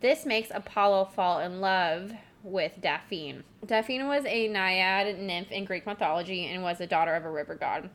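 A woman's voice: lowish voice, measured pace, few pauses, a bit bright. A woman co-hosting a podcast, casually retelling a myth in a chatty way with frequent giggles. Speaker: podcast co-host. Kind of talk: casual storytelling chat.

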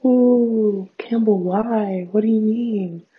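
A young adult woman with a raspy voice and vocal fry, chatting casually in a rambling, self-deprecating solo diary full of fillers. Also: medium pitch, takes it slowly. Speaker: host of a personal audio diary. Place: small bathroom at home, sitting on floor. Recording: dull, lo-fi home recording.

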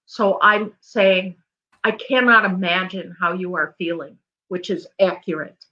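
A woman grief coach co-hosting a chat show, speaking in a gentle, careful, reflective way. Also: on the low side, steady tone, a little slow, lo-fi sound. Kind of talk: casual conversation.

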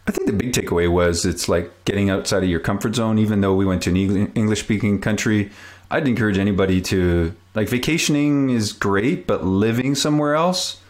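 Speaking fairly quickly in a lowish voice, a Canadian man in his forties reflects casually as an interview guest on a podcast. French is his native language.

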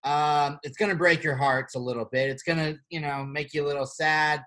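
A man's voice: fairly high pitch, brisk. A man co-hosting a casual podcast, playful and loose, with lots of fillers and some swearing. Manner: playful, animated reading of gossip. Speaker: podcast co-host. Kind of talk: casual chat.

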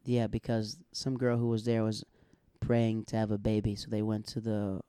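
An American man in casual chat, telling animated stories and acting out the people he quotes. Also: fairly low pitch, moderate pace, clear, resonant tone, no room sound, studio quality. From United States. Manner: animated storyteller who acts out quoted dialogue.

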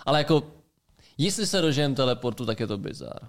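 A young man co-hosting a casual tech podcast, relaxed and chatty, trailing off into fillers and restarts. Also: mid-range voice. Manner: relaxed, many fillers and restarts, quick reactions. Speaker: podcast co-host.

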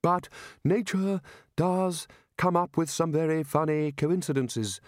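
A man voicing a soft-spoken, weary male wizard. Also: a little high, unhurried, no echo, studio quality, pitched above the performer's own voice, lightly acted.

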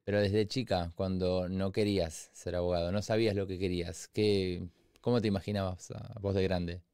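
Male host, Rioplatense Spanish accent, very low and clear voice, dry close mic. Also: level tone, moderate pace, mellow, no room sound. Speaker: interviewer, host. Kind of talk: interview conversation.

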